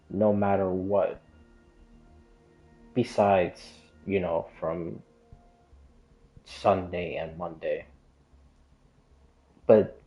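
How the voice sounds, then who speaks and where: Warm in tone and low in pitch, a male livestreamer chats casually about his game. He hesitates, meanders and repeats himself, and the stream audio is muffled, dull and lo-fi.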